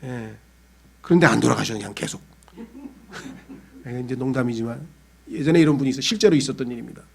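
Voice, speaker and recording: A man's voice: medium pitch, expressive, fairly quick, vocal fry. A pastor preaching a sermon in a conversational way, acting out the voices of the people he talks about. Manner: conversational preaching, acts out quoted voices of believers.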